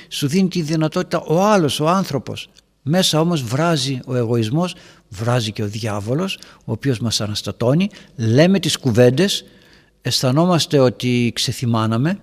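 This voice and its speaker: A man, a priest, giving a homily to a group of parents, telling stories and addressing his listeners as his dear ones. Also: medium pitch. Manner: storytelling, acting out dialogues in raised voices. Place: church hall. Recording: long church-hall reverb.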